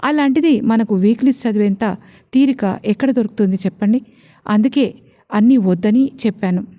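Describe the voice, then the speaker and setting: A woman voicing a calm, clever young wife in a storybook romance, speaking patiently and gently persuading. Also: mid-range voice, normal speed, natural voice.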